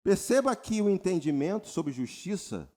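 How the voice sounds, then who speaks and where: A Brazilian man preaching a sermon as pastor, calling on the congregation for responses and mimicking people's prayers. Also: moderate pace. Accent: Brazilian Portuguese. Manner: animated preaching, mimics congregants in high voices, asks crowd for response. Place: church retreat service.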